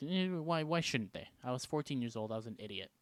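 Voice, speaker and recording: Animated young Canadian storytelling vlogger. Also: male voice, mid-range voice, fast talker. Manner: animated, swinging between loud and hushed. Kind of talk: casual storytime vlog.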